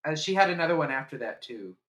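A man's voice: a little high, lively intonation, fast talker, a bit bright. A man co-hosting a podcast in casual chat, hesitant, with many fillers and self-corrections. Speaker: podcast co-host.

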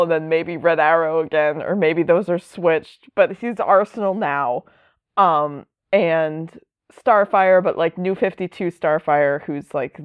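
A woman's voice: fairly low pitch, dry recording, narrow, tinny audio. A woman chatting casually as a podcast host, rambling and enthusiastic. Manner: rambling, enthusiastic, lots of fillers. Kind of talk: casual chat.

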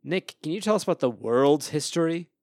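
Relaxed man chatting on a podcast. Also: on the high side, a little fast, dry recording. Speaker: podcast co-host. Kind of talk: casual chat.

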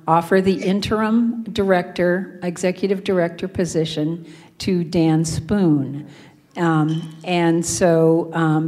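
Halting woman presiding at a board meeting. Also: lowish voice, a little mellow. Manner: halting, self-deprecating, joking. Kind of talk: informal spoken report to a board meeting. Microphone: handheld microphone.

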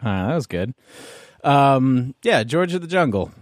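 A man's voice: mid-range voice, very animated, a little slow, faint music behind. Rambling man in his thirties. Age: 30s. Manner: rambling, loose, many fillers. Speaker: podcast host. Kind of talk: casual movie chat.

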